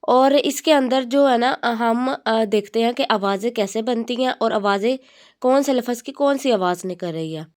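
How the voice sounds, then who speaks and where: Patient woman teaching English sounds. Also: a little high. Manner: patient, repeats sounds slowly, many fillers. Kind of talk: explaining lesson in Hindi-Urdu.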